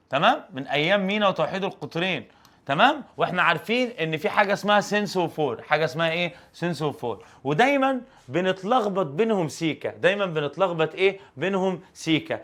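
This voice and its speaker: A young man with an Egyptian Arabic accent and a high voice teaches an exam review. He keeps it animated and joking, firing rhetorical questions at his students. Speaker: English teacher.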